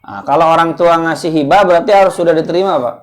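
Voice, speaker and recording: A man's voice: fairly high pitch, quick pace, a crowd in the background. A man giving a casual religious lesson at a home gathering, talking in a conversational way and quizzing his listeners with questions. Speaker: ustaz teaching a religious study group.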